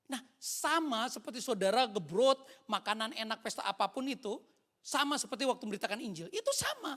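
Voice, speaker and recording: A man in his fifties, a pastor, preaches a sermon during a church service and shares his own testimony, slipping English words into his speech. His voice is very high and sing-song, fairly bright, and moves a little fast.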